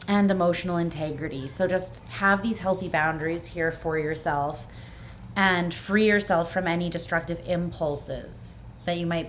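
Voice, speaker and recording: Speaking straight to the viewer, a woman with a fairly low voice gives a pick-a-card tarot reading in an earnest, reassuring way, full of "like" and "um." Her voice is going hoarse, so she keeps clearing her throat, and there's a slight hiss or hum.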